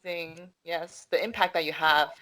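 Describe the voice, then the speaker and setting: A woman's voice: sits low, fairly even intonation, brisk, crowd noise. A woman hosting an interview, asking questions and reacting with encouraging remarks and laughter. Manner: warm, encouraging, laughs often. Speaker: host. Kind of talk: casual interview.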